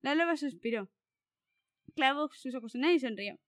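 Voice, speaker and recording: A woman's voice: high voice, animated, moderate pace, no room sound, clean studio sound. A woman narrating an animal storybook aloud, reading expressively.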